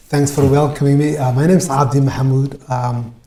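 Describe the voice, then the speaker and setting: A man from Ethiopia, a guest in an interview, answering in a measured way with many pauses and fillers. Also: medium pitch, steady tone, mellow. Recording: roomy echo.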